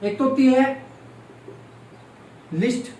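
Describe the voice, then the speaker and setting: A very high-pitched, mellow man speaks slowly while leading a maths lesson, firing questions at students and repeating key terms so they echo them back. The sound is from a far-off room mic, echoey with faint noise.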